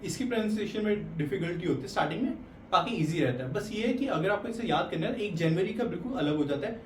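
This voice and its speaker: A high-pitched man teaches a lesson at an easy pace. He repeats each word slowly, pausing to check in with learners. He sounds a little distant from the mic in an echoey room with faint background ambience. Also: lively intonation, slight background noise. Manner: patient, repeats words slowly, often says "thik hai". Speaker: language teacher. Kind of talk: explaining pronunciation to learners.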